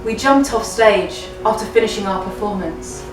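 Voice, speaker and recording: A woman who's been drinking reads a story aloud for a comedy web show's fan fiction segment, playing it broadly dramatic and giggly. Her voice is mid-range with a moderate pace, captured by a distant mic in an echoey space over background music.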